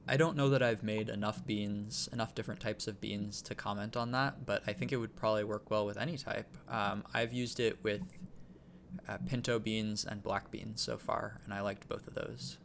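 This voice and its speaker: Man, podcast host, low voice, gravelly, relaxed explaining, faint hiss. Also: moderate pace. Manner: relaxed, explanatory, frequent ums. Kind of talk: casual chat.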